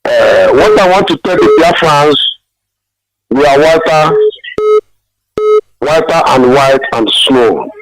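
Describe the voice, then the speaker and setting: A male caller heard through a phone line, his voice sitting fairly high for a man. He speaks in an earnest, emphatic way and repeats his key phrases to drive them home. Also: lively intonation, slow pace, long pauses. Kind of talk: call-in question on a live broadcast.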